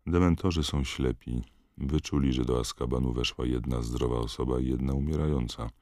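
A man voicing a young male prisoner who speaks in a dead, emotionless monotone. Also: very deep voice, normal speed, no echo. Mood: flat. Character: young male prisoner under a truth potion.

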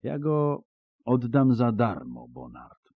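A man voicing a grave, solemn old swordsmith in an audiobook, speaking in slow, measured tones. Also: mid-range voice, huge pitch swings, dry recording, narrow, tinny audio, voice pushed up, exaggerated voice. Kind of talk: audiobook character voice.

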